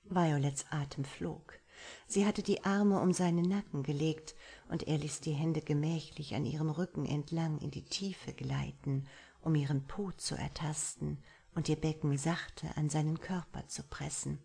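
A woman narrating a romance novel as an audiobook, her voice low and slightly husky. She reads softly and intimately, at times dropping almost to a whisper. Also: steady tone, measured pace.

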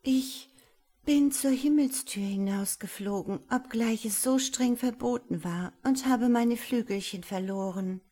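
Woman putting on a small female angel, pleading, raised high voice, husky, unhurried. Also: dark tone. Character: little pleading female angel, tender and tearful.

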